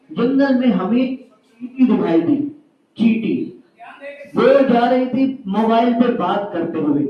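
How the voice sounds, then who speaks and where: A man with a strikingly high voice leads a lesson for schoolchildren, telling a story and firing questions at the class. He sounds distant from the mic, and his voice rings through a very echoey school hall on a dull, muffled recording. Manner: lively, calls out questions to a class. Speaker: school speaker teaching children.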